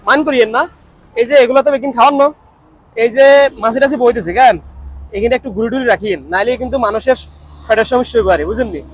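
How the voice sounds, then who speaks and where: A man's voice: very high-pitched, fast talker. A man with a Noakhali accent, teasing a street vendor in casual vlog chat outdoors. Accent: Noakhali Bengali. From Noakhali, Bangladesh. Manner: playful, teasing banter. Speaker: travel vlogger. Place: outdoors at a street food stall.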